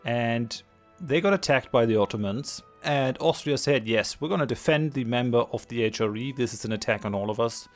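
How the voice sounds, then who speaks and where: A man's voice: mid-range voice, fairly quick, soft background music. A man with a congested, stuffy-nosed voice from a cold, giving let's play commentary as host, hesitant and repeating phrases for emphasis. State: has a cold. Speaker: gaming channel host.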